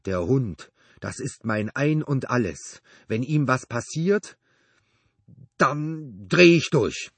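A gruff old loner with a cracked, husky voice, as a male reader puts him on, barking short clipped phrases louder and higher than the narration. He sounds suspicious and quick to flare up, read dry and close like a storybook recording. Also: lively intonation, no room sound. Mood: menacing. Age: older. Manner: blunt clipped speech, calling out loudly, suspicious. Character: gruff lonely older male neighbor, brooding and volatile.

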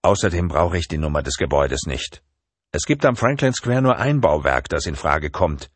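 A male narrator playing a cold, menacing tattooed kidnapper who speaks calmly. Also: extremely low pitch, normal speed, no echo, heavily acted. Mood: cold menace.

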